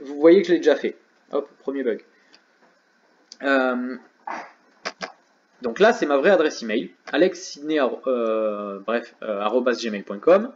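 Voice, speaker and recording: A man's voice: medium pitch, a little mellow. Man, tired tutorial host, chatty with joking asides; echoey room, slightly muffled audio. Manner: chatty, self-mocking asides. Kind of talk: casual screen tutorial. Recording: roomy, slightly dull sound.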